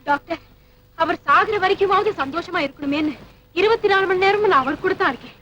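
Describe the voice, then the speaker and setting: A young woman who is quick to tears and full of feeling, her high, bright voice pleading and breaking into tearful outbursts. It is a dubbed scene from an old film comedy. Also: muffled recording. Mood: worried. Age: young adult. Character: earnest young woman, emotional and easily upset.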